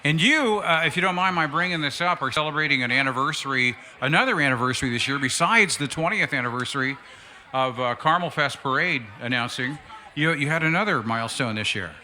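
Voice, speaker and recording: A man's voice: a little high, fairly quick, pushed and bright. A middle-aged American man co-hosting as a parade commentator in casual, chatty live banter.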